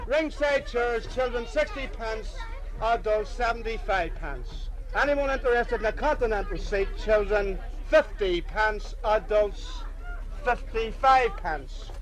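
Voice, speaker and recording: A man's voice: sits high, takes it slowly, rough recording. A man working as a circus ticket seller, calling out to customers. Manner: calling out seats and prices.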